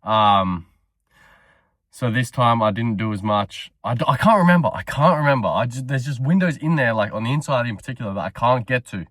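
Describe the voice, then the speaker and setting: A man's voice: mid-range voice, fairly quick, a bit bright, no echo, clean studio sound. A man talking in a casual, sweary vlog style, rambling as he thinks aloud. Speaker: self-employed window cleaner vlogging his day.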